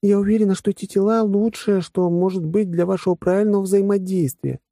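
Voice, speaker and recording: A man's voice: sits high, fairly even intonation, brisk, gravelly, mellow, no echo, studio quality, pitched above the performer's own voice. A man voicing a blunt blonde woman warrior in an audiobook, scornful and lecturing.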